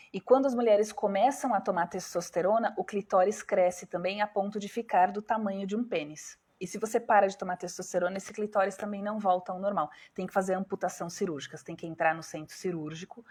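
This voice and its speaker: A woman with a Brazilian Portuguese accent talks through a live stream as a doctor, her voice a little breathy and middle in pitch. She explains patiently and poses questions to her viewers before answering them herself. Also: darkish tone.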